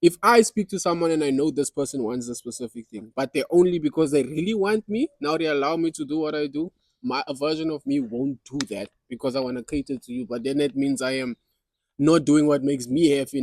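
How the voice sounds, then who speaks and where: A young man telling a comic story in casual, halting chat, getting heated. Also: on the high side, no echo. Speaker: podcast guest and comedian.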